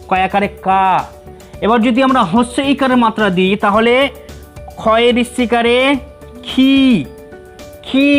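A man with a strikingly high voice teaches a beginners' reading class. He sounds out each syllable and repeats it patiently, talking to his pupils in a familiar way. Faint music plays underneath. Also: fairly bright tone. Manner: repeats syllables slowly to drill pronunciation; addresses students familiarly.

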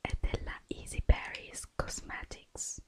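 Slow, soft-whispering woman. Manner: soft whispering, gentle step-by-step instructions to the listener. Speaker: makeup artist in a roleplay. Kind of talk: whispered ASMR roleplay.

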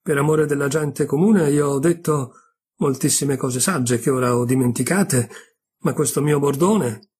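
Guy doing a boastful dim bull god, pompous, husky. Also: mid-range voice, a little slow, darkish tone.

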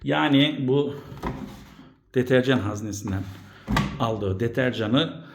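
A man giving a casual, halting step-by-step household demonstration in speech, his voice ringing with echo in a bare room at home. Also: mid-range voice, creaky, noisy background. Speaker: home appliance vlogger. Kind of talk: casual explainer to camera. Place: indoors at home, room without carpets.

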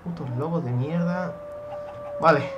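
A young man from Spain with a Spanish accent, giving excitable Minecraft let's play commentary, swearing and shouting when startled. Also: on the high side, unhurried, muffled recording, noisy background. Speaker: gaming youtuber.

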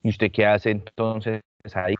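A man lectures medical students over a video call, pressing them with questions and repeating words for emphasis. His voice sits low and sounds dry and close. The call audio is dull and lo-fi. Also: little pitch movement, a little slow, dry recording. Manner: questioning, repeats phrases, calls on students by name. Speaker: doctor teaching a class. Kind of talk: online class lecture. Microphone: computer mic on a video call.

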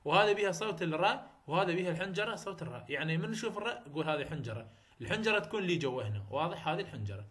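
Racing along with lively intonation, a man speaks in a high, slightly bright voice while teaching phonetics at a university. His Iraqi Arabic accent carries a repetitive style, with English terms dropped into Arabic and frequent checks that the class keeps up.

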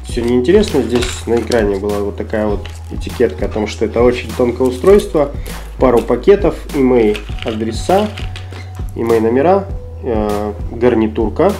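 A tech reviewer at an indoor office desk chats casually through an unboxing, thinking aloud as he goes. His mid-range, dark-toned voice is slightly hoarse and husky from a cold. Music plays clearly underneath.

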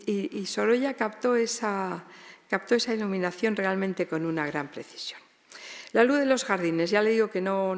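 A woman lecturing on art history in a large palace hall, at a lectern microphone. Her voice has a gravelly, creaky edge and a middle pitch. She pauses often with fillers and checks in with her listeners, while a long hall reverb trails each phrase. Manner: hesitant, frequent fillers and tag questions. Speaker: lecturer, exhibition curator.

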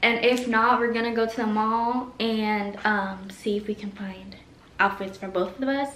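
A woman's voice: a little high, steady tone, normal speed, fairly bright tone, a little hiss or hum. A young woman from Washington State chatting casually to a handheld camera in her vlog, full of "like" fillers. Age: young adult. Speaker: vlogger. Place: home kitchen and living room, later a car.

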